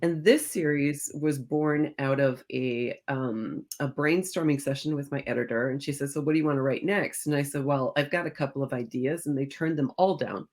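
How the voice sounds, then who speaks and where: Her voice rumbles low and a little mellow, moving at normal speed with few pauses. This middle-aged historical fiction author, a guest in an interview, tells stories conversationally and voices snippets of reported dialogue.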